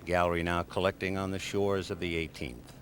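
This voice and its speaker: A man commentating on a golf tournament in measured, dramatic, short phrases on an older television broadcast. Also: sits low, steady tone, fairly bright tone. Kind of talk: live golf tournament commentary, scene-setting. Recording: 1970s TV broadcast, light background noise.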